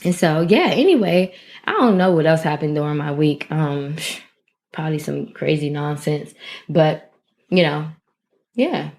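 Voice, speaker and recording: A relaxed, chatty woman co-host who talks in easy slang. Her voice sits a bit low. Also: measured pace. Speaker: podcast co-host. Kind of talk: casual chat.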